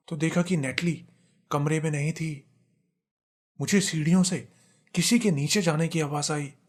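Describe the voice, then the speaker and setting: A man tells a first-person horror story in scripted narration. He speaks slowly and measures every phrase, and his voice sits a little high for a man. The tone stays solemn throughout.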